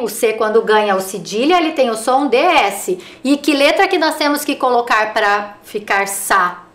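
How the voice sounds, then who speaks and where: A woman teaching young children in a recorded remote class, encouraging and speaking slowly and clearly. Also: a little high, a bit bright, echoey room. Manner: encouraging, sing-song, slow and clear for children. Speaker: primary school teacher.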